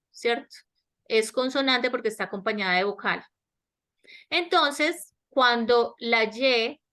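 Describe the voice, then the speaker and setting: A woman teacher with a Latin American Spanish accent explains grammar in an online class, slowly and patiently. Her voice is bright and fairly high. She keeps asking whether the students follow. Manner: slow, explanatory, checks understanding with repeated questions. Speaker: English teacher. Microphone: webinar headset or laptop mic.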